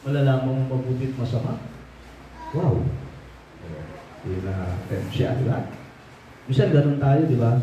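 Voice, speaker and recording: A man's voice: medium pitch, mellow, highs cut off. A male pastor preaching a sermon, often asking the congregation to agree and turning fervent when he rebukes. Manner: mixes English phrases into preaching, frequent rhetorical checks. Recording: very echoey hall, mic at a distance, faint room noise.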